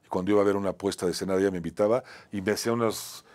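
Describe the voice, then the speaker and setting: A Mexican-accented acting teacher with a low, steady voice races through a personal anecdote on a talk show. He shifts between a forceful voice and a gentle one and frequently closes phrases with a tag question.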